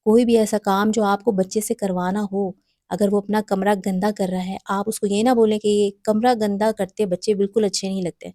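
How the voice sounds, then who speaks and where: A woman's voice: medium pitch, fairly even intonation, warm tone, dry recording, clean studio sound. A woman hosting a parenting advice talk, speaking earnestly and instructively straight to mothers. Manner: earnest, instructive, addresses viewers directly.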